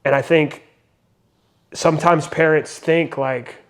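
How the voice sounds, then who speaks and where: A man's voice: fairly high pitch, steady tone, takes it slowly. A young man and father talking earnestly in a casual podcast conversation, reflecting and using many fillers. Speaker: podcast co-host.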